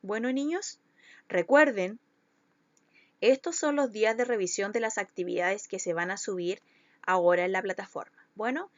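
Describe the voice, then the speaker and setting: A woman's voice: mid-range voice, moderate pace, dry recording, muffled recording. A woman schoolteacher, giving a recorded lesson to children and patiently stretching out syllables to show where the stress falls.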